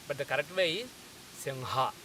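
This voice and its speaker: A man's voice: medium pitch, noisy background. Methodical man teaching pronunciation. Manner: careful, methodical, slows to sound out words. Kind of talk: explanatory lesson.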